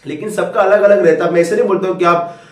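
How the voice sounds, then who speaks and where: A man's voice: high-pitched, fairly even intonation, fast talker. Male tutor, fatherly motivational pep talk, echoey room. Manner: fatherly, coaxing, calls listeners "beta". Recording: roomy echo, far from mic.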